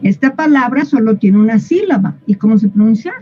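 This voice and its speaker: A woman's voice: fairly high pitch, animated, brisk, highs cut off, a little hiss or hum. A woman, explaining English pronunciation to a class in a patient, playful way and asking them questions. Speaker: English teacher.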